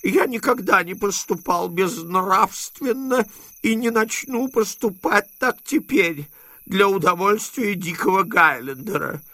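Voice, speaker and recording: A man voicing a frightened, miserly old uncle who whines and blusters in a high, jumpy voice. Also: lively intonation, pushed and bright, full character voice. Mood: pleading, prim. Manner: shrill, pleading, quick to bluster.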